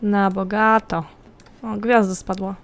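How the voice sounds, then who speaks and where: A woman's voice: medium pitch, little pitch movement, takes it slowly, a little hiss or hum. Chatty woman narrating her game. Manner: chatty, talks to the game characters and to viewers. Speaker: gameplay commentator. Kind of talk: casual let's-play commentary.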